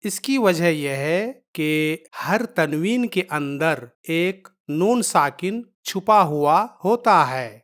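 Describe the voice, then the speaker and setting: A woman's voice: low-pitched, lively intonation, few pauses. A woman teaching a Quran reading lesson, patiently explaining step by step, repeating each point and drawing out the letter sounds.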